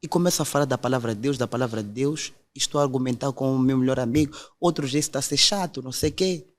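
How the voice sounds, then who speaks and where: A man's voice: medium pitch, quick pace. A young man, earnestly telling his conversion testimony in a podcast conversation. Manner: earnest storytelling, quotes others directly.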